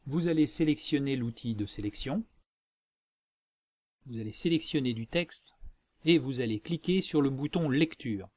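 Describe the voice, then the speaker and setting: A man presenting a software tutorial as a screencast voice-over, explaining methodically step by step. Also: medium pitch, expressive, normal speed, pauses often, no echo, clean studio sound. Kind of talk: instructional screencast narration.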